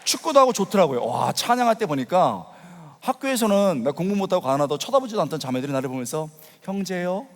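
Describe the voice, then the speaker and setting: Animated high-voiced male preacher in a hall. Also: quick pace. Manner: animated storytelling, acting out his younger self with sudden loud outbursts. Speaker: pastor preaching at a youth worship rally. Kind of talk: sermon. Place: large church sanctuary. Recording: long hall reverb.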